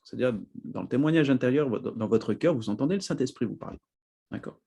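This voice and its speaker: Male preacher, husky voice, animated teaching delivery, frequent asides to the congregation. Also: medium pitch, fast talker. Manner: animated, laughs often, repeats "d'accord?" to check in. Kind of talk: teaching sermon.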